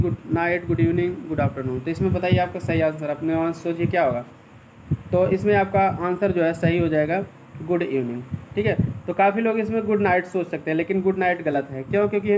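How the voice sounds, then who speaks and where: A male teacher explaining English exam questions in Hindi, repeating and rephrasing points and often checking in with listeners, slowing down to read the English sentences aloud. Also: sits high, noisy background.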